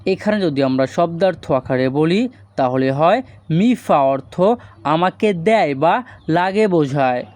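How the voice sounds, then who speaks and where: A man teaching a spoken language lesson, saying foreign phrases slowly and breaking them down word by word. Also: a little high, lively intonation, a little mellow, dry recording. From Bangladesh.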